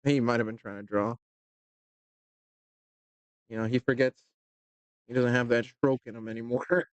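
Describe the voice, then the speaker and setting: A man giving relaxed, joking live commentary on a pool match, talking loosely with fillers. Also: mid-range voice, moderate pace, clear, resonant tone, dry recording.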